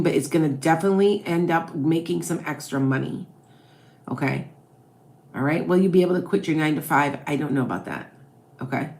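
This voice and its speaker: A low-voiced Midwestern woman with a Wisconsin-Chicago blend in her accent reads tarot as a psychic on a live stream. She chats her way through viewers' questions, punctuating her points with "okay? all right?".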